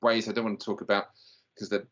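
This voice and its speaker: A man's voice: fairly low pitch, little pitch movement, fast, fairly bright tone. Rambling man, muffled recording. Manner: rambling, hesitant, many fillers. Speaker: podcast co-host. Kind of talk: casual review chat.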